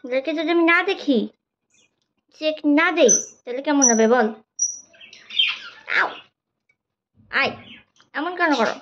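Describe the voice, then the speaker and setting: A high-pitched woman scolds and coaxes her pet bird, asking the same questions over and over. The audio is dull and muffled. Loud squawking budgerigars fill the background. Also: measured pace, long pauses, background noise. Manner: scolding yet coaxing, repeated questions. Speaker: bird keeper checking chicks.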